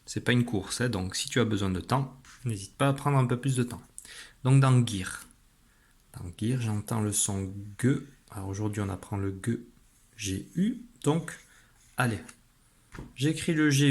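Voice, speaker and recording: A man teaching a young pupil a spelling rule in an online lesson, patient and clear, slowing down as he demonstrates. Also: mid-range voice. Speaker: primary school teacher.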